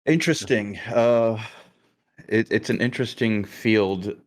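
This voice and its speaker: A man, a game developer, chatting casually on a live stream in a measured way, thinking aloud with many fillers. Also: fairly low pitch.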